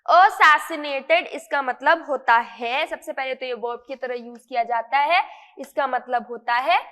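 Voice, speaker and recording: A high-voiced woman tutor explains word meanings, switching between Hindi and English and asking her listeners questions she answers herself. Her voice is bright and forward, and it rings out into a room with a long reverb. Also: unhurried. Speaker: English vocabulary teacher. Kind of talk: explanatory lesson.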